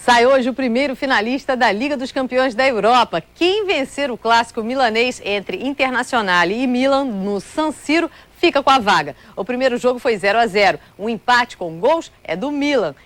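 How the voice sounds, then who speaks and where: A woman from Brazil presenting sports news in a lively, playful way, sometimes drawing words out. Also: fairly high pitch, moderate pace, few pauses, a little hiss or hum.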